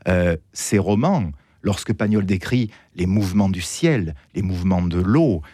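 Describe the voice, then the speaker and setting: Male audiobook reader, low voice with wide, lively swings, dry sound. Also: unhurried, no echo. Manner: expressive, admiring. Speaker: guest narrator and audiobook reader. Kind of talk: casual studio chat.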